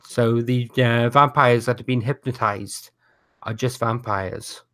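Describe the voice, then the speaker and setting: A man's voice: mid-range voice, fairly even intonation, measured pace, a bit bright. Man running a tabletop game. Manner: hesitant, many fillers. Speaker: game master.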